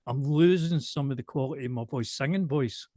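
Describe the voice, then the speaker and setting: Glaswegian man, softened accent, slow and deliberate delivery, dry close recording, mid pitch. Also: dry recording. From Glasgow, Scotland. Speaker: show presenter and singer, interviewee. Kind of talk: casual conversational interview.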